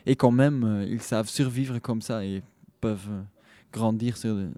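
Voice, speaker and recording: A Dutch-speaking Belgian man being interviewed as a guest, speaking French with a foreign Flemish accent and often pausing to search for words. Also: lowish voice, warm tone, dry recording. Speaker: musician guest, saxophonist and band leader. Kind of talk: conversational radio interview.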